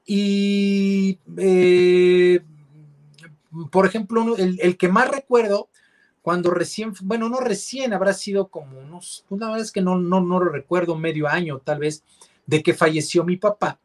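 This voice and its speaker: A man's voice: sits high, measured pace, darkish tone. A man, a radio announcer and guest on an interview show, telling a personal story in a reflective, hesitant way with many fillers and restarts. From Mexico.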